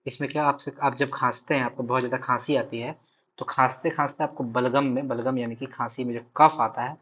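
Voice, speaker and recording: A Hindi-speaking man from Bihar gives a recorded exam-prep lecture, repeating each key term over and over and pausing to ask "ठीक है" to check his students are following. His ordinary-pitched, slightly bright voice comes through a dull, lo-fi recording.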